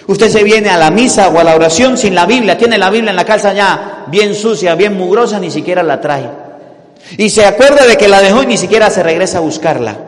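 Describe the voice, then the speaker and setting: High-voiced Venezuelan priest preaching in church. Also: male voice. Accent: Venezuelan Spanish. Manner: rhetorical questions to the congregation, emphatic then dropping to soft asides. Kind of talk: sermon. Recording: long church reverb.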